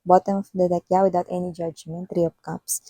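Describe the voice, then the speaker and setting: A Filipino-accented woman reads tarot in an easy, chatty way, constantly checking in with her viewers. Her voice is mellow and warm with a soft breathy edge. It sounds close and dry. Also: lowish voice, level tone, fairly quick, dry recording, rough recording. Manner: chatty, tags sentences with "no?". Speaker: tarot reader. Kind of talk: casual tarot reading for viewers.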